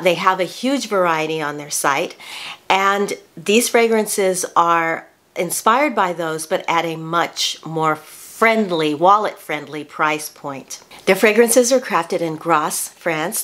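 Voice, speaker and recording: Chatty older woman, lowish voice. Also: slow, a bit bright. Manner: chatty, with frequent restarts and self-corrections. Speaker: beauty vlogger. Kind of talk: casual product review. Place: small bedroom, indoors.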